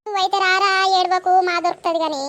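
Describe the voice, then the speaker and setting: A performer plays a brisk, motherly village auntie in a Telangana Telugu accent, with a very high, bright voice. She talks quickly, soothing and scolding at once. This is a homemade cartoon dub. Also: steady tone. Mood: consoling. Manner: soothing, scolding the crying man. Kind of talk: cartoon voice acting.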